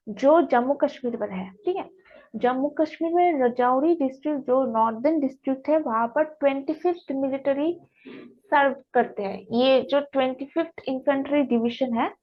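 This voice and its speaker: High-voiced woman explaining the news chattily. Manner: chatty, frequent "theek hai" check-ins. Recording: dull lo-fi recording.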